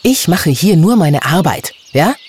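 A man's voice: fairly high pitch, big pitch swings, a little slow, darkish tone, slight background noise, voice pushed up. A man voicing a cheeky, proud little female fairy hunter who talks back in a snappy, boastful way.

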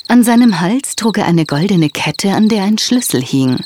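A woman narrating a children's story in a gentle, expressive way. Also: mid-range voice, moderate pace, noisy background.

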